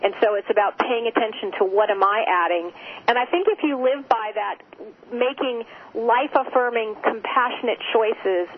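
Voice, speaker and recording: A woman's voice: on the high side, normal speed. Woman guest speaking over a phone line. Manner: gentle, repeats phrases for emphasis. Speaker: interview guest. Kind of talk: spiritual interview talk. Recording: tinny phone line with faint noise.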